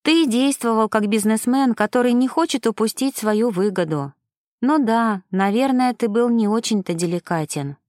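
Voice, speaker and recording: A woman doing a fragile gentle young woman. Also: fairly high pitch, normal speed, no echo, studio quality, natural voice. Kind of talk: audiobook character reading.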